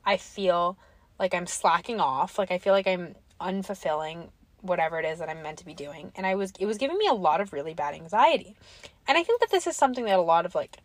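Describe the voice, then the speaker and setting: A woman's voice: on the low side, animated, quick pace, no echo. A young woman co-hosting a casual podcast, her talk spilling out in long runs padded with "like" and restarts. Her voice is a touch worn, and the recording is dry and close. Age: young adult. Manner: rambling, filler-heavy, lots of "like". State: slightly losing her voice. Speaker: podcast co-host. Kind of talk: casual chat. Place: quiet street.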